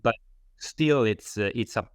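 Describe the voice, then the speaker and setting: An Italian loudspeaker designer, a non-native English speaker with an Italian accent, gives explanatory answers as an interview guest, often searching for words. His voice is on the low side, a little slow and smooth, recorded with clean studio sound and no echo.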